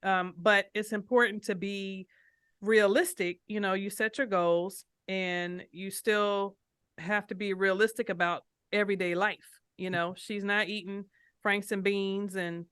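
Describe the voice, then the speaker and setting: A woman hosting a casual interview podcast, talking in an animated, playful way and addressing listeners directly. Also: mid-range voice, unhurried, clear, resonant tone, no echo, clean studio sound. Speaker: podcast host and financial coach.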